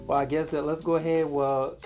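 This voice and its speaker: A man's voice: on the high side, level tone, brisk, darkish tone, soft background music. A man hosting an interview, asking rambling questions full of restarts and fillers. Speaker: interviewer, host. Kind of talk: casual interview.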